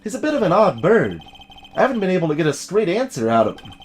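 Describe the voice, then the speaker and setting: Man playing Gumshoe, a chummy, animated police detective. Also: high-pitched, quick pace, slight background noise. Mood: matter-of-fact. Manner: folksy, chummy, blunt. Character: Gumshoe, friendly blunt scruffy male police detective. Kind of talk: voiced video game let's play.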